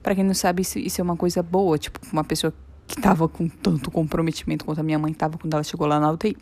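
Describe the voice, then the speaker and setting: A woman's voice: low voice, level tone, very fast, a little mellow. A young woman hosting her own podcast, talking alone in a rambling, jokey way that keeps interrupting itself, into an earphone mic. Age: young adult. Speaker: podcast host. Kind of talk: personal monologue podcast.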